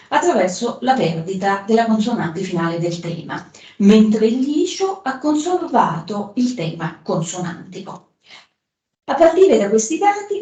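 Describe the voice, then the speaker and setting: A woman with an Italian accent, speaking at a mid pitch, reads a scholarly paper aloud in a conference hall. Her delivery is careful and measured, and she now and then stops to correct a word. The room adds a noticeable echo. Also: a little mellow. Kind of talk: reading an academic paper.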